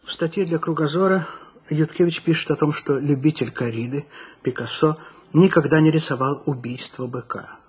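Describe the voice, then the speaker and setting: A man's voice: on the high side, steady tone, normal speed, slightly rough. A man presenting scripted radio narration in the manner of an old newsreel. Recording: dull old recording, crowd noise behind.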